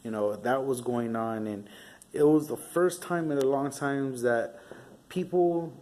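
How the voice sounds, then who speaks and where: With slight background noise behind him, a young vlogger from Southern California tells stories in a casual monologue, his medium-pitched voice a little slow and a little mellow. He rambles and swears freely, dropping many fillers in his street talk.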